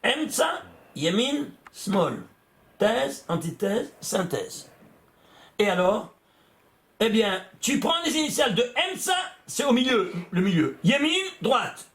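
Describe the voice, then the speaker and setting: A man's voice: high-pitched, big pitch swings, takes it slowly, a bit bright. An older man, a rabbi teaching a Torah lesson with number counts. He keeps asking the class questions and answering them himself, and he often restarts his phrases. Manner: repeats words and restarts phrases.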